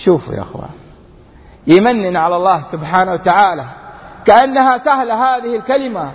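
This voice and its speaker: A man preaching a fervent sermon to a large crowd, his voice climbing to high, emphatic peaks. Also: fast. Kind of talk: impassioned sermon. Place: large lecture hall before a crowd. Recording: tinny phone-like sound with long hall reverb.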